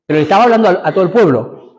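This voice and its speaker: A man's voice: high-pitched, animated, racing, a little mellow, in a large hall. A man preaching a sermon with a Rioplatense Spanish accent, emphatic and speaking straight to his congregation. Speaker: apostle preaching. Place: church hall.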